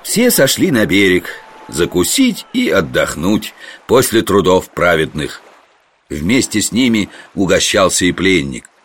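A man narrating a children's storybook in an expressive, lively storytelling voice. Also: sits low, unhurried, breathy edge.

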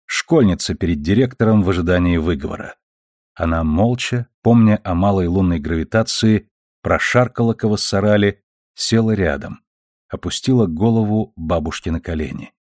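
A man narrating an audiobook in a calm, measured way. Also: low-pitched, no echo, clean studio sound.

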